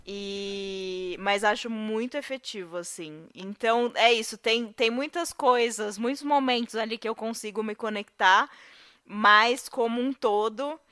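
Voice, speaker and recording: A woman's voice: a little high, unhurried, bright, forceful tone, clean tone. A Brazilian woman, a podcast guest, casually discussing a film with hesitant fillers and restarts. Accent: Brazilian Portuguese.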